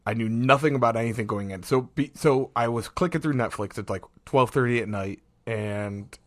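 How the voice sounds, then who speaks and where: A man's voice: medium pitch, normal speed. A man co-hosting a podcast, telling a rambling story in casual chat and laughing often. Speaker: podcast co-host. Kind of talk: casual chat over beers.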